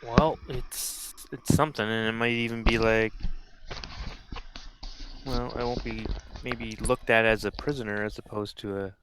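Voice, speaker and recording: A man's voice: on the low side, steady tone, a little slow, pauses often, a bit bright, a little hiss or hum. A man playing a tabletop game, thinking aloud tentatively with fillers. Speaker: player. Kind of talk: casual tabletop game play.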